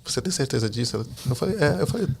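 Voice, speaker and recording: A man telling his personal faith testimony as a podcast guest, a lively storyteller who acts out the dialogue he quotes. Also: mid-range voice, very fast, vocal fry, slight background noise. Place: living in the United States.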